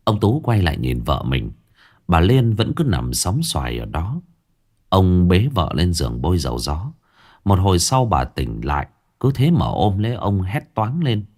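A man narrates a ghost story. His lowish voice rises and falls dramatically as he reads. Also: moderate pace. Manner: dramatic, expressive reading.

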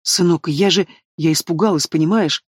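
Мужчина изображает встревоженную мать-дракайну. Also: male voice, fairly high pitch, normal speed, slightly rough, dry recording, studio quality. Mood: anxious. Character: anxious, loving dragon mother, tearful.

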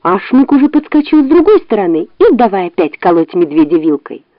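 A woman narrating a children's storybook audiobook with an expressive reading. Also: medium pitch, a little fast, no echo. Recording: dull dry studio audiobook.

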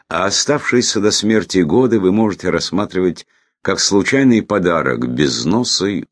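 A man reading a reflective memoir as audiobook narration, in a measured way with phrase ends that trail off. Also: very deep voice, vocal fry, dry recording, clean studio sound.

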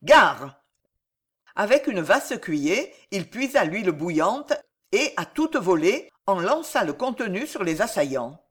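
Expressive audiobook narrator. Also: mid-range voice, a little slow, husky. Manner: expressive, rhythmic reading. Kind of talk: dramatic literary narration.

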